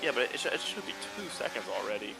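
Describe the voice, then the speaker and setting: A man giving conversational motorsport commentary and analysis on an online race, with a gravelly edge to his voice. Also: medium pitch, sing-song, rapid-fire, music in the background. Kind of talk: conversational analysis in live sim racing commentary. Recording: clearly noisy background.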